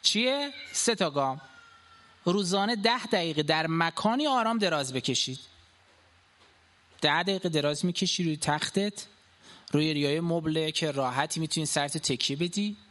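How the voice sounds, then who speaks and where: A man gives a public talk of practical life advice in an animated way, asking rhetorical questions and jumping from emphatic high bursts to soft, low endings.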